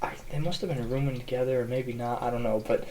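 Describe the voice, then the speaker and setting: A young man chats casually on a podcast, winding through a story with lots of fillers. His voice sits at an ordinary middle pitch. A faint hiss of noise runs underneath. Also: steady tone, quick pace, warm tone, poor audio. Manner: rambling storyteller, many fillers. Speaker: podcast host. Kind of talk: casual chat.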